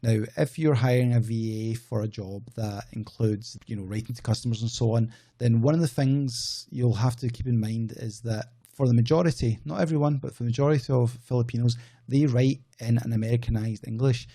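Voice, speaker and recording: With a brisk, steady, mid-range voice that is dark in tone and edged with breath, a Scottish man talks casually to camera on his outsourcing business channel. He rambles, corrects himself along the way and stays conversational.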